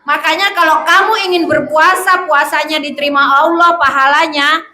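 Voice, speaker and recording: A woman giving a lively classroom lesson to children as a religious teacher, often quizzing and hushing the pupils. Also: high voice, normal speed. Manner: lively, calls out to hush and question pupils. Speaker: religious teacher at a school Ramadan camp. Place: school hall with children. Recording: echoey hall with background noise.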